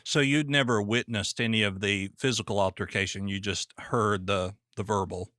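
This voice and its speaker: A man hosts the conversation and puts plain, folksy questions to his guest. His voice sits low but sounds bright. The recording is close and dry. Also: fairly even intonation, normal speed, no room sound. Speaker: podcast host. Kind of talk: interview questions.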